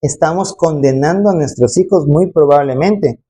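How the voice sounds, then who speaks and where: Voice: medium pitch, normal speed, mellow. A preacher gives an emphatic sermon to a congregation, often tagging questions and acting out quoted voices. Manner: emphatic, frequent rhetorical tag questions, acts out quoted voices. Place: church congregation.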